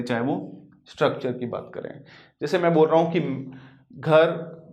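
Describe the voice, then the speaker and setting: A man gives a spoken lecture in a fairly high voice. He explains through examples and rhetorical questions and slips English words into his sentences. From western Rajasthan, India. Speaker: teacher.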